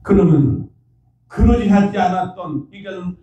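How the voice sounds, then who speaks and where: A man preaching a sermon, emphatic, at times rising to a shout. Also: high-pitched, animated, moderate pace, slight background noise. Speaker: pastor. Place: church sanctuary. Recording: dull, echoey church sound from far off.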